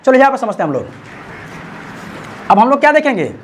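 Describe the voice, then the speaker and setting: A man's voice: extremely high pitch, sing-song, a little fast, slight background noise. A man teaching a classroom science lesson, constantly prompting his students to answer back. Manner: call-and-response, keeps prompting students to answer.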